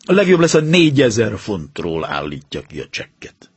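A man voicing a calm, stern detective in an audiobook reading, explaining in a measured, authoritative way. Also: lowish voice, husky, no room sound, voice pushed down, full character voice. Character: calm, stern male detective, confident and precise.

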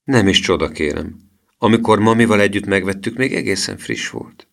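A man's voice: lowish voice, animated, vocal fry. A man voicing an eager, polite young boy in a storybook reading, talking earnestly and courteously. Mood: sad.

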